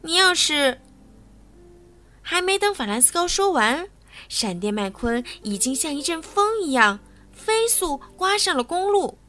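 Lively woman telling a bedtime story. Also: extremely high pitch, normal speed. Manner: lively and expressive for children. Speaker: children's storyteller.

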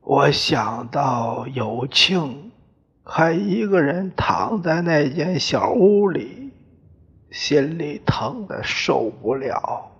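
A man reading a novel aloud in the first person, with slow, weighty storytelling. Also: a little high, animated, a bit bright, slightly rough. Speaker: audiobook narrator. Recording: dull lo-fi recording.

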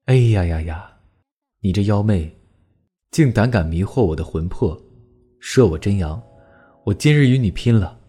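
A man's voice: lowish voice, big pitch swings, normal speed, pauses often, warm tone, slightly rough. A man voicing a frightened, indignant young Buddhist monk who scolds angrily. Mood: furious. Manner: angry, scolding.

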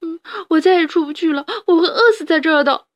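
A woman voicing a young male rabbit bully who whimpers and pleads in a high, tearful voice for a storybook tale. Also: expressive, normal speed, a bit bright. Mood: wailing.

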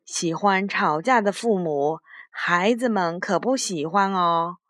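A woman voicing a sensible talking raven who croaks and scolds quarreling grown-ups in a children's story. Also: fairly low pitch, slow, fairly bright tone, no room sound, clean studio sound. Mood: scolding.

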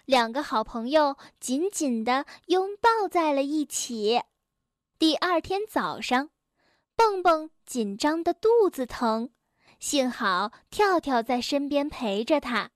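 High-voiced woman reading a bedtime story. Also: slow, dry recording, clean studio sound. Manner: gentle, expressive reading aloud.

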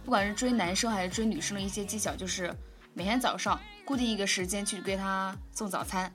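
A woman's voice: mid-range voice, quick pace, faint music behind. A young woman co-hosting a casual chat, handing out relationship advice in a conversational way. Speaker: co-host.

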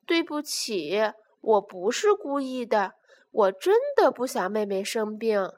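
Lady playing a teasing little bear cub boy, storybook read-aloud, kinda high. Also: sing-song, normal speed. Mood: sorry. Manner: teasing, later apologetic.

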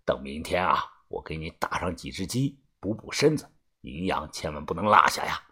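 A man voicing a gruff, ruthless old tomb-raider boss in a low, husky mutter. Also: sing-song, moderate pace, bright, forceful tone, full character voice. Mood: coaxing.

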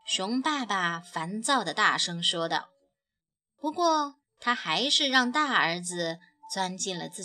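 A woman gently and expressively narrating a children's picture book. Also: mid-range voice. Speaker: storyteller. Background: soft background music.

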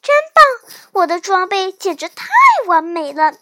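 A tiny pet hero from a children's storybook boasts in a squeaky voice that soars very high and rings out bright and sharp, as a woman puts it on. It bounces through every line, proud and sure of its own bravery. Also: steady tone, normal speed, full character voice. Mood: overjoyed.

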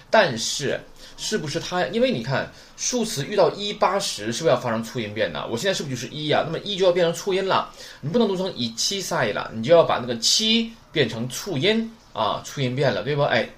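A man's voice: medium pitch, fairly bright tone, a little hiss or hum. A man teaching a recorded lesson to learners. He is patient, repeats key points and keeps asking rhetorical questions. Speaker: Japanese teacher.

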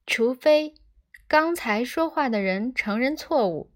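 A woman's voice: medium pitch, expressive, slow. A woman voicing a ship's computer with a bossy motherly persona, sugary and scolding in an audiobook reading. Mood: indignant.

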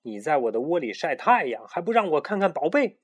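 Nosy farm bird voiced by a man, fast talker, nosy and excitable. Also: on the high side, slightly rough, voice pushed up. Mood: prying. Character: curious nosy farm bird, easily carried away.

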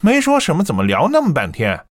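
A woman voicing a defensive young husband who bluffs and mutters, in a lowered voice. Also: wildly swooping pitch, fast, full character voice.

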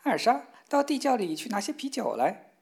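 A woman's voice: fairly high pitch, big pitch swings, fairly quick, gravelly, darkish tone, voice pushed up. A woman doing a boastful storybook mother. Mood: proud. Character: proud old mother, boastful about daughter.

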